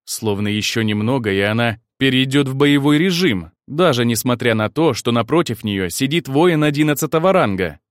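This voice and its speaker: A man reads first-person fiction aloud as an audiobook narrator, with a lively, rising and falling delivery. His voice sits mid-pitched. The sound is dry and close, with no room around it. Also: moderate pace, few pauses, clean tone, dry recording. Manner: expressive first-person reading.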